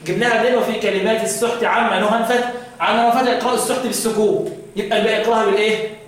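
High-voiced Egyptian teacher in an echoey hall. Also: male voice, fairly even intonation, very fast. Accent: Egyptian Arabic. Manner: quizzing students, repeating answers, chanting verses. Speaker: Quran recitation teacher. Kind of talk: classroom lesson with call-and-response. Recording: echoey room, distant mic.

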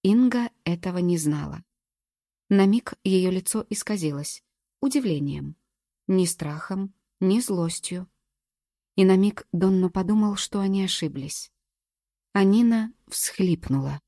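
A woman reading an audiobook as narrator, in steady, even storytelling. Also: medium pitch, a little slow, no echo, clean studio sound. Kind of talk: scripted narration.

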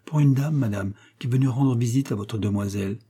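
A man voicing a deferential young housemaid who answers in a hurried way in a storybook reading. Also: mid-range voice, mellow, slightly rough, lightly acted. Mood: flustered.

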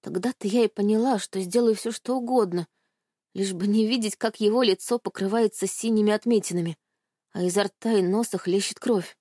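A woman's voice: mid-range voice, a little fast, mellow, dry recording, clean studio sound. A woman narrating a dramatic first-person novel in a tense, dramatic manner. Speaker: audiobook narrator.

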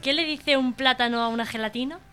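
A woman's voice: high-pitched, fast talker. A woman co-hosting a radio comedy show, firing off short riddles and one-liners. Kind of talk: joke-telling radio banter. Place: radio studio. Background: music.

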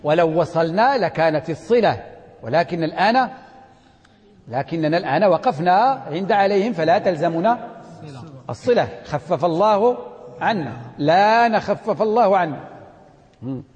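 High-pitched guy teaching quran readings, quizzing students, long hall echo. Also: lively intonation, normal speed, long pauses, a little mellow, highs cut off. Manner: questioning students, drilling them to repeat. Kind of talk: Quranic readings lesson with chanted recitation.

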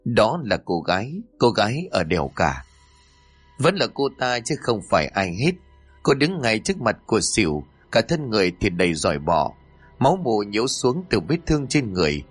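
A man narrating a scripted horror story in a dramatic, expressive way, over faint background music. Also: lowish voice, normal speed, breathy edge, dry recording.

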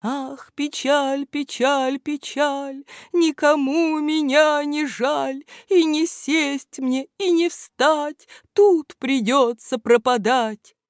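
A woman voicing a small trapped letter creature that sings a slow, sad lament. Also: high voice, fairly even intonation, no room sound, studio quality, pitched above the performer's own voice. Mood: mournful.

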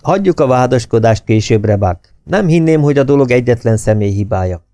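A man voicing a calm, authoritative colonel who speaks in a measured, firm way. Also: mid-range voice, no echo, clean studio sound, natural voice.

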